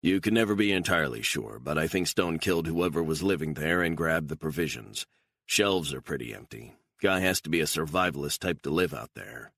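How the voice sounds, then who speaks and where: A man voicing a gruff intelligence officer who speaks bluntly and matter-of-factly. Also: very deep voice, animated, a little fast, fairly bright tone, no echo, heavily acted.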